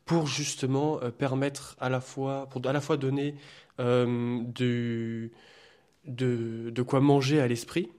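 A young man from France, a student guest in a radio studio interview, speaking hesitantly with many filler pauses. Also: mid-range voice, flat delivery, a little mellow. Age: young adult.

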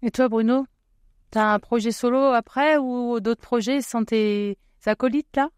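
A woman's voice: a little high, fairly even intonation, unhurried, darkish tone, clean tone, no room sound, clean studio sound. A woman co-hosting a radio show, asking guests questions in a playful, teasing way. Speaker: radio co-host. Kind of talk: casual interview chat.

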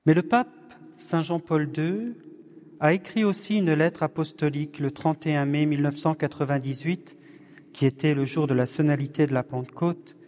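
A man leading a discussion evening for his parish, speaking in a slow, measured way with touches of gentle humour. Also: on the high side. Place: church or parish hall with long reverb. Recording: long hall reverb, distant room mic.

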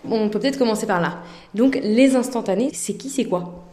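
A woman's voice: a little high, normal speed, darkish tone. A woman journalist asks conversational interview questions, her voice echoing in a bare room like a warehouse. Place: echoing indoor room in a care home. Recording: echoey, resounding room.

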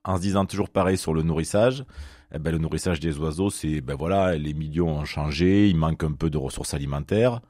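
A man's voice: extremely low pitch, fairly quick, no echo, studio quality. A man with a Perpignan accent, a gardening expert giving chatty advice on a radio phone-in, with lots of fillers. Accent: Perpignan French. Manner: lively, chatty, many fillers. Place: radio studio.

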